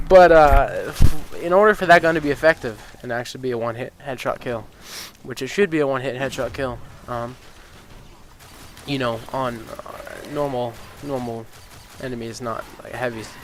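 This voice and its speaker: With a little hiss or hum in the audio, a gaming YouTuber talks at a normal speed in a medium-pitched voice. His nose is stuffy and sniffly while he chats casually over gameplay. He rambles with lots of ums and uhs, swears freely, and gets excited and incredulous over game balance.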